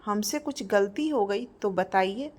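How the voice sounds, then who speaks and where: A woman voicing a gentle, patient young daughter-in-law who speaks softly and pleads. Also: medium pitch, unhurried, close to an everyday voice. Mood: pleading.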